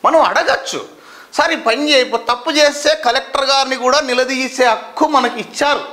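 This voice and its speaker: An indignant man, speaking very high in his range. His voice is bright and tense. He delivers an impassioned, rhetorical complaint to camera and keeps hammering the same questions. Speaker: citizen complainant at a district office.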